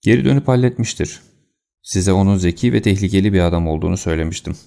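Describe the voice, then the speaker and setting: A man reading an audiobook, voicing a sharp, decisive male detective with a brisk, commanding manner. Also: low-pitched, gravelly.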